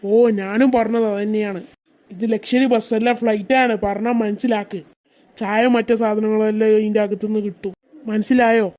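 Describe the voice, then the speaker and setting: A performer voicing an exasperated middle-aged husband in a cartoon, with a sarcastic, grumbling manner. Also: male voice, sits high, flat delivery, moderate pace, a little mellow, natural voice. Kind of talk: cartoon voice acting.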